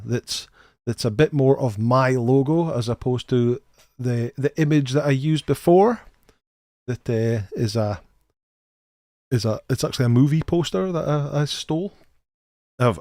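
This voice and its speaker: A middle-aged man hosts a casual live game stream, greeting viewers and reading chat names in a chatty, friendly way, often repeating the first words of his sentences. His mid-range voice has a darkish tone, recorded at studio quality with no echo.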